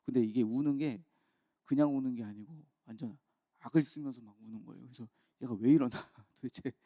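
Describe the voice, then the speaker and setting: Mellow-voiced pastor telling a story. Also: male voice, medium pitch, no room sound, studio quality. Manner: candid storytelling, quick bursts and soft trailing asides. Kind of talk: early-morning sermon with personal story. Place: church.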